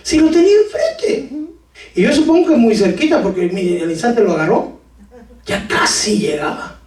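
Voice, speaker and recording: A man preaching a lively sermon to his congregation with jokes, sudden shouts and talk of brothers. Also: sits high, normal speed. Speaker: pastor. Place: church hall. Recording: echoey church hall from far off.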